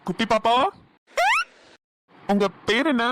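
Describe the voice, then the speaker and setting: A woman's voice: a little high, heavy background noise. A woman with a Namakkal Tamil accent voicing a teasing, protective young husband in a cartoon. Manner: teasing, quick retorts.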